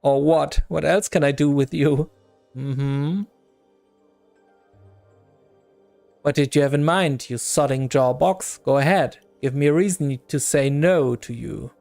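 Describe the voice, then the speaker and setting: A man's voice: a little high, a little slow, gravelly, a little mellow, no echo, faint music behind. A man reading as a sneering tattooed rogue woman. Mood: taunting. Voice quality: scornful, spitting insults. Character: tattooed sharp-tongued young woman rogue, hostile.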